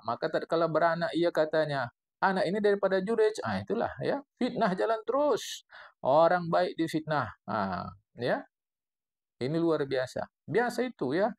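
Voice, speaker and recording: Animated gravelly man with a Medan accent. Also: fairly high pitch. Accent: Medan Malay. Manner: lively, digressive, playful wordplay while explaining text. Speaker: religious teacher. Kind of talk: classical Islamic text study lesson.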